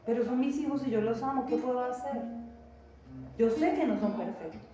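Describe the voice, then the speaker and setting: A woman's voice: fairly high pitch, normal speed, mellow, slight background noise. A woman pastor, giving an earnest, emphatic sermon and acting out quoted voices. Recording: distant, echoey, dull church sound with guitar.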